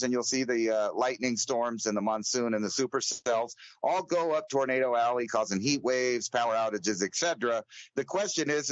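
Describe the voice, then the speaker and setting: A man's voice: mid-range voice, dry recording, lo-fi sound. A man co-hosting a podcast, giving casual commentary in an emphatic, rambling way with scornful asides. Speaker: podcast co-host.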